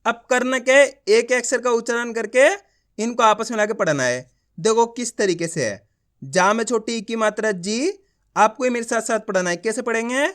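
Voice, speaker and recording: A man teaches a reading lesson. He sounds out each letter slowly and keeps asking if learners follow along. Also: very high-pitched, a bit bright. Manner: slow syllable-by-syllable drilling, asks learners to repeat along; often asks whether it is clear. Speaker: Hindi teacher.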